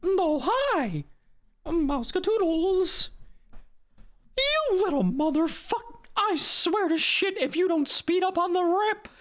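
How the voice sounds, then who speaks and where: Cartoon mouse, very high squeaky falsetto, exasperated, swearing, sarcastic, stretched-out words. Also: animated, takes it slowly, heavily acted. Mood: furious ranting. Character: foul-mouthed, furious high-squeaky cartoon mouse with road rage. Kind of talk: cartoon character parody.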